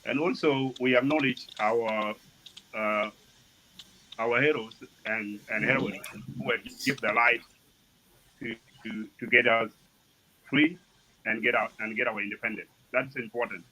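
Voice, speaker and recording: Halting community leader, bright voice. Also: male voice, medium pitch, steady tone, slight background noise, rough recording. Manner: halting, many fillers. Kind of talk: formal speech at an online event. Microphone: remote call audio.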